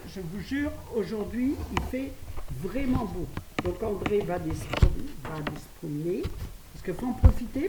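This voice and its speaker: An older woman from France chatting quickly to her phone camera at home, laughing at her own stories. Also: mid-range voice, warm tone. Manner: fast, chatty, laughing at herself. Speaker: vlogger. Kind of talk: casual chat to camera. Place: her apartment, indoors. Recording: roomy, distant phone audio with faint hiss.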